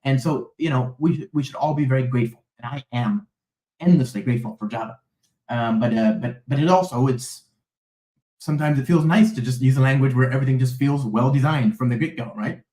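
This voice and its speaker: A man hosts a live coding stream, talking to the live chat while typing and rambling through the code with lots of fillers and checks like "okay?" and "right?" in a casual, chatty walkthrough. His medium-pitched voice is brisk and mellow, with a roomy sound and rough recording.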